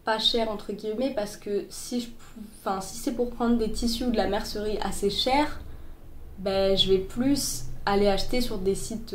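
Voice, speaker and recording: A young woman in a sewing tutorial chats casually, stumbling through fillers and restarts and sounding slightly stuffed up from a cold. Her medium-pitched voice was recorded on her boyfriend's phone, with reverberation and a little hiss or hum.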